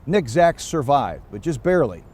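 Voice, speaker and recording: An American man presenting a scripted public service story in a measured, formal delivery. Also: mid-range voice, very animated, a little mellow.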